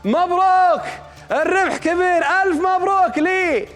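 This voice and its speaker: A male game show host announces winners in a booming, high voice. His Gulf Arabic delivery is exuberant, repeating and stretching his congratulatory phrases, and music runs clearly behind him. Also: moderate pace, a bit bright. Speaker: TV competition host.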